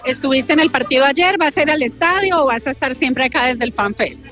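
A woman's voice: high voice, brisk, a bit bright, faint music behind. Upbeat woman reporting live outdoors. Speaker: field reporter. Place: outdoor fan festival plaza.

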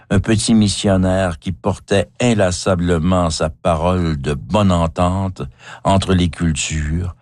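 A man in his fifties with a Québécois accent, reading his own memoir in a measured, wry, slightly theatrical way. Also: low-pitched, a little mellow, no echo, clean studio sound. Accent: Québécois French. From Quebec. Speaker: author narrating his memoir. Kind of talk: reflective autobiographical reading.

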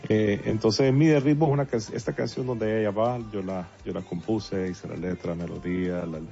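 Deep gravelly man, lo-fi. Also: fairly even intonation, moderate pace, warm tone. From El Salvador. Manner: hesitant, many fillers and restarts. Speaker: guest songwriter and producer. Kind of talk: casual interview talk. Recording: dull lo-fi with faint music.

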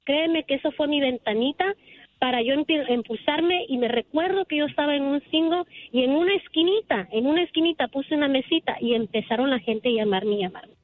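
Lady calling in to the radio, chatty and earnest, highish voice, tinny phone line. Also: lively intonation, fairly quick. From El Salvador. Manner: earnest, talkative, emotional storytelling. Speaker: caller, salon owner. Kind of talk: casual phone-in chat.

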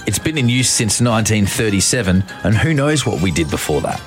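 A man's voice: lowish voice, sing-song, a little fast. A man bantering playfully and casually as a breakfast radio host. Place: radio studio. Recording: music behind studio radio talk.

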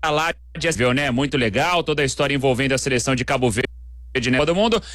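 A man's voice: mid-range voice, fast talker, fairly bright tone. A man giving a live sports news report whose audio keeps freezing and breaking up over a bad connection. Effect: choppy, freezing audio from a breaking-up connection.

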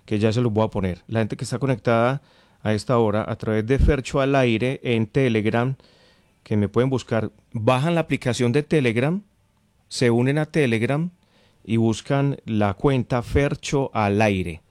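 Studio-quality audio with no echo captures a male radio host with a Colombian accent at a moderate pace. His medium-pitched voice is a little mellow as he chats informally with late-night listeners, frequently repeating phrases.

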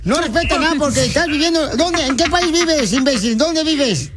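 A man's voice: extremely high pitch, animated, moderate pace, a crowd in the background. A man hosting a call-in radio show, brash and teasing, trading insults with a caller. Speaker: radio host.

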